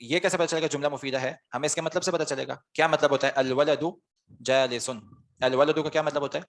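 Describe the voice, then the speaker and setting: Male online class teacher, slightly high-pitched, patient step-by-step grammar explanation, keeps quizzing the students. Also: steady tone. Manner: explains step by step, asks students questions and answers them himself.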